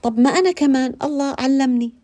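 A woman giving an informal religious talk, conversational and animated, repeating phrases and asking her listeners questions. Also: high voice, quick pace. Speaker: religious speaker.

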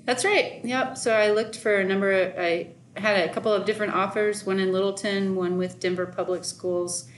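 A woman's voice: mid-range voice, fairly even intonation, moderate pace, few pauses, roomy sound, slight background noise. A woman in her late fifties from Oklahoma, a business owner answering interview questions in a friendly, matter-of-fact way. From Oklahoma, USA. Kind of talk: conversational interview.

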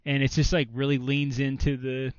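A man's voice: mid-range voice, monotone, moderate pace, smooth, dry recording, highs cut off. A man co-hosting a podcast, chatting casually and rambling with lots of fillers. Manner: rambling, filler-heavy, restarts often. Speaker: podcast co-host. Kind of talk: casual chat about video games.

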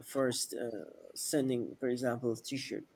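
Slow, gravelly man. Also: medium pitch, steady tone, a little mellow. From Iran. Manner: hesitant, halting, polite. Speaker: listener caller. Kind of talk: casual call-in chat.

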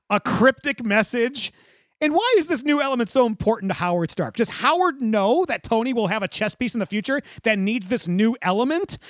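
A man's voice: sits high, no echo, clean studio sound. A man hosting a podcast, chatting about a movie and laughing often, then leading the ratings segment. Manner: quick to laugh, runs the segment. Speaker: podcast host. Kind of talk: casual movie discussion.

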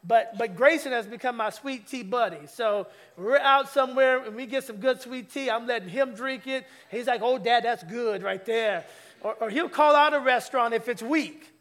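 A man's voice: very high-pitched, moderate pace, hardly any pauses. A man preaching a conversational sermon in church, teasing the congregation and calling for their replies. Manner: lively, teasing, calls for audience replies. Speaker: pastor. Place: church sanctuary.

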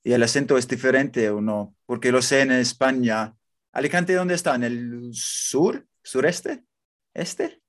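A man's voice: mid-range voice, measured pace. A man interviewing casually, curious and asking lots of short follow-up questions. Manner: curious, asks many short questions, encouraging fillers.

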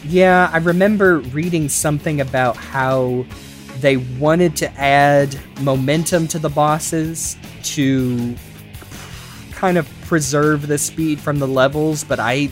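A man's voice: on the high side, fairly even intonation, takes it slowly, soft background music. A man co-hosting a podcast, rambling casually with lots of laughs, fillers and restarts. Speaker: podcast co-host. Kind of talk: casual chat about games.

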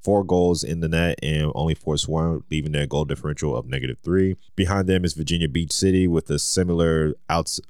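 A man co-hosting a casual sports podcast, reading league standings in a steady listing way and laughing often. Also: rumbling low, fairly quick, hardly any pauses, smooth, no echo, clean studio sound. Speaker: podcast co-host.

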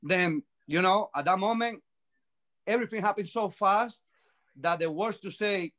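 A man in his forties whose first language is Spanish, chatting excitedly in broken English and swearing freely. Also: high voice, normal speed. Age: 40s. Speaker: paramotor pilot. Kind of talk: casual chat.

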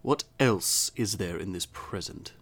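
A man's voice: low-pitched, a little slow, fairly bright tone, full character voice. A man voicing a cold, scornful old miser who talks in a grudging, disdainful way, with music behind. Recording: background music.

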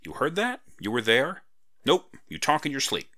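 A man reading a story, voicing a cheeky young bird-like girl with quick retorts. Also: on the low side, big pitch swings, pushed and bright, voice pushed up, full character voice.

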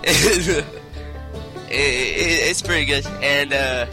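A man's voice: a little high, drawn-out words, music in the background. A man putting on a Southern accent as a folksy how-to show host, rambling and tripping over part names. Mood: instructional. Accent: put-on American Southern.

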